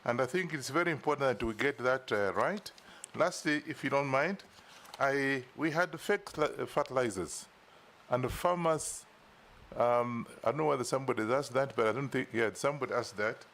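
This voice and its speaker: A man's voice: mid-range voice, normal speed, fairly bright tone. Kenyan male legislator, mid voice, blunt demands for specifics. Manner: direct, insistent. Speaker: committee member questioning a nominee. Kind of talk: formal parliamentary questioning.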